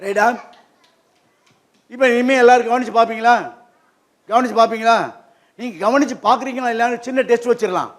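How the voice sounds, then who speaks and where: A man giving an interactive lesson to children in a library hall, keeping them engaged with quick questions. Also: very high voice. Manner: lively, keeps quizzing the audience with quick questions. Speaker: guest presenter at a children's program.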